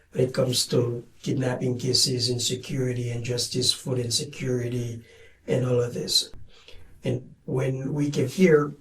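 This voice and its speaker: Man from haiti, slow steady answers, echoey room, sits back from the mic, little bit of music under it. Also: mid-range voice. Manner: measured, plain, with some hesitations. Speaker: guest, community director. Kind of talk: interview answers. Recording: roomy sound from a distance with faint music.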